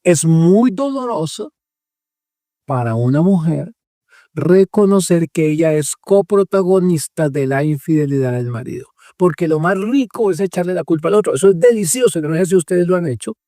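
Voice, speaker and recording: Man, radio host and psychologist, emphatic, rhetorical questions, slightly high voice, dry close sound. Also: lively intonation, normal speed, mellow, no room sound. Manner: acts out patients' voices in quotes. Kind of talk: radio talk on marriage therapy.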